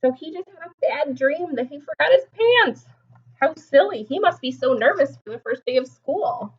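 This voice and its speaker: A teacher with a high-pitched, lively voice reads a picture book aloud to young children at a normal pace, explaining expressively and asking them questions. The recording sounds muffled.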